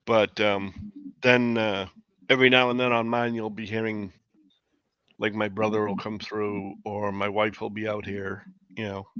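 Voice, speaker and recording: A man's voice: on the low side, little pitch movement, a little slow, a bit bright, clean tone, no room sound, lo-fi sound. A man chatting casually on a livestream, speaking without his teeth in. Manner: toothless speech, talking without his teeth in. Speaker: livestream chat participant. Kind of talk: casual chat.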